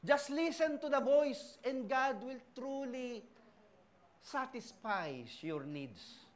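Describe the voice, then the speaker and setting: A middle-aged Filipino pastor preaches to his church, mixing personal testimony with lively, acted-out voices. His voice sits high for a man, and he swings between loud outbursts and quiet asides. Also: slow. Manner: animated storytelling, acting out voices and shouting lines. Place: church service.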